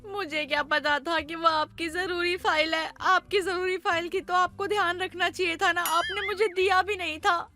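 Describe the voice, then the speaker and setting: A woman voicing a young daughter-in-law who cries over everything, talking in a whiny, tearful way, in an animated story. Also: very high-pitched, normal speed, few pauses, faint music behind. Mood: complaining.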